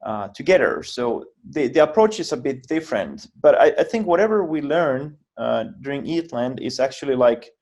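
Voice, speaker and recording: A man from Finland, speaking English, talks through technical ideas as an interview guest over a video call. His delivery is halting, full of repeated words and restarts as he builds each explanation. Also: medium pitch, expressive, a little mellow. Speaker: guest, project founder.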